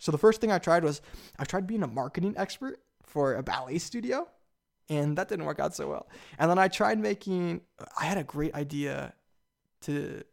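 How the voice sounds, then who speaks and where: A nineteen-year-old man hosting a solo podcast, rambling eagerly with sudden excited leaps in pitch. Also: vocal fry. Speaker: podcast host.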